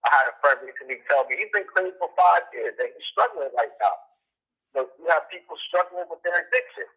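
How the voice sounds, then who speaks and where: Bright-voiced man calling from prison. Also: a little high, husky, low-quality recording. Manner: earnest, steady and measured. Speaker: incarcerated guest calling in. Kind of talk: earnest explanatory talk. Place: prison telephone call. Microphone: phone handset.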